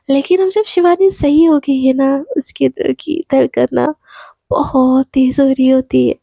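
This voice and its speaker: Chatty woman narrator, gravelly voice, dry close sound. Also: high-pitched, warm tone, no echo. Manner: chatty, heavy use of filler "na". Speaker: storyteller. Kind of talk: casual spoken storytelling.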